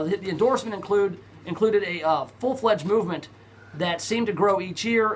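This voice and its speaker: A man's voice: high voice, fairly bright tone, slight background noise. A man hosting a talk radio show, chatting casually and reading news items aloud with lots of fillers. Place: radio studio.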